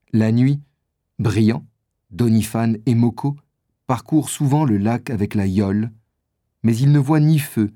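A man narrating a children's adventure story in a measured storytelling manner. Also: medium pitch, dark tone, dry recording, studio quality.

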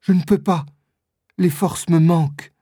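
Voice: medium pitch, fairly even intonation, measured pace, warm tone, slightly rough, no echo, studio quality, pitched above the performer's own voice. A reader voicing a frail young woman in love, speaking weakly and pleadingly in a storybook reading. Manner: weak, pleading.

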